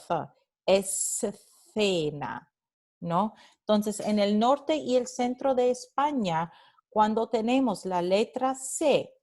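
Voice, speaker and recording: Woman teacher doing a phonetics lesson, slow n careful, says the example sounds over and over. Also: mid-range voice, warm tone. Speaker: language teacher. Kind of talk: recorded phonetics lecture.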